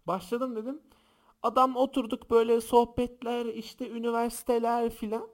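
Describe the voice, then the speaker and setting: A young man hosting a podcast, telling funny stories and acting out the shouting people in them. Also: very high-pitched, normal speed. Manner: animated, acts out quoted shouts and voices. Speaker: podcast host. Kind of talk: casual podcast storytelling. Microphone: close podcast microphone.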